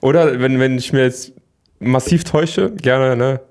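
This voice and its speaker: A man's voice: mid-range voice, unhurried, darkish tone. A young man co-hosting a casual podcast, joking and laid-back, often trailing off mid-sentence. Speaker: podcast co-host. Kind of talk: casual chat.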